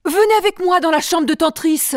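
Proud queen in a learners' storybook, clear and deliberate, voiced by a woman, high voice, dry sound. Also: a little mellow, dry recording. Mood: intent. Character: proud middle-aged queen, vengeful then gentle.

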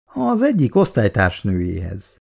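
A calm, dutiful grown son, read by a man close to his own voice, reassuring and kind. The voice is low, dark and gravelly, with a lively pitch. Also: exaggerated voice.

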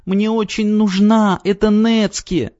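A man reading an audiobook voices a stubborn, tearful little girl who is a time traveler, speaking high and pleading, shrill when upset. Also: flat delivery, slow, warm tone, dry recording. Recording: dry, slightly dull audiobook recording.

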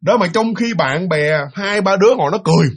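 A man telling a ghost story in a casual, animated way, repeating himself as he talks. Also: high-pitched, brisk, slightly rough. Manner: animated, repetitive, conversational.

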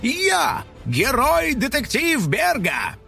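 Brief: a man playing a shrill, bragging little house spirit sleuth, husky tone, wildly swinging pitch. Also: wildly swooping pitch, takes it slowly, pushed and bright, soft background music, heavily acted. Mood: boastful. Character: excitable boastful male house spirit detective.

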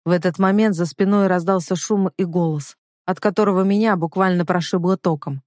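A woman narrating a first-person romance thriller in an even, dramatic storytelling voice. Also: fairly low pitch, fairly quick, no echo, studio quality. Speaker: audiobook narrator.

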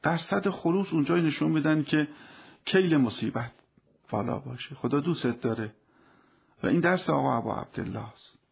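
A man's voice: fairly high pitch, gravelly, slightly rough, lo-fi sound. A man giving a religious talk as a radio guest, with a fervent, preacherly delivery that rises into passionate appeals.

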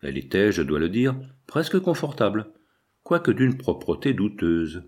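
A man's voice: fairly low pitch, sing-song, moderate pace, darkish tone, slightly rough. A man reading a first-person novel aloud as an audiobook narrator, telling the story expressively.

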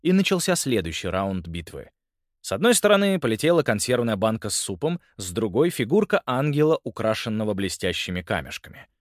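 A man narrating a children's audiobook in a lively, expressive reading. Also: fairly low pitch, brisk, dry recording, clean studio sound.

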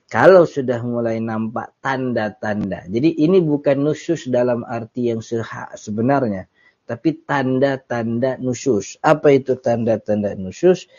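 A man's voice: mid-range voice, darkish tone. A man giving a casual Islamic study lecture, explaining Arabic text phrase by phrase in a chatty way with small laughs. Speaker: Islamic religious teacher. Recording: dull lo-fi audio recording.

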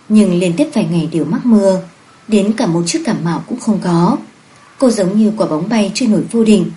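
A woman reading a romance novel aloud in steady, even scripted narration. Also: medium pitch, poor audio. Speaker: audiobook narrator.

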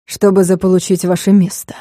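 A woman's voice: little pitch movement, a little fast, dark tone, dry recording, studio quality, natural voice. A woman voicing a scheming, pompous male lord of hell in a storybook reading. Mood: smug. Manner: mocking, turns shrill and panicky.

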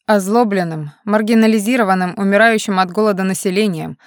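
Stern male militia leader, read by a woman, measured lecturing delivery, dry sound. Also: mid-range voice, no room sound, close to an everyday voice. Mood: reflective. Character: serious stern man, militia leader, self-assured.

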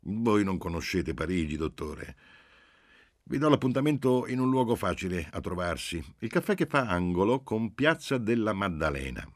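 A big, good-natured police agent, loud and chummy, as a man puts him on. He talks with a hearty, familiar cheer. The sound is close and dry. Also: low voice, very animated, moderate pace, no room sound, pitched above the performer's own voice. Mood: jovial. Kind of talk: audiobook reading.

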